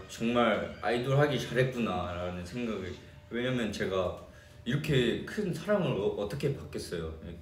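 A young man from Korea's Jeolla region, chatting casually with fans on a livestream and answering their comments. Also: fairly low pitch. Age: young adult. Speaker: idol singer hosting a fan livestream. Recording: echoey room, distant mic.

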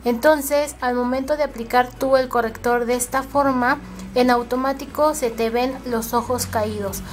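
A woman's voice: fairly high pitch, fairly even intonation, normal speed, a little hiss or hum. A woman with a Mexican accent hosting a makeup tutorial, talking chattily to her viewers step by step. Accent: Mexican Spanish. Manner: chatty, addresses viewers as girls.

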